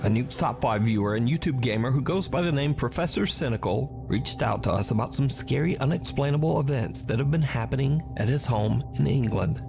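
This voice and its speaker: A man giving a measured, dramatic scripted narration of eerie events. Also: medium pitch, animated, vocal fry. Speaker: show narrator. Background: background music.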